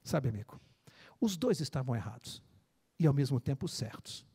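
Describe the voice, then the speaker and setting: A preacher delivering a sermon, moving between animated storytelling and an earnest appeal. The voice sits mid-range, swings widely, and sinks low for its closing points. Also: moderate pace, slightly rough, big-room sound.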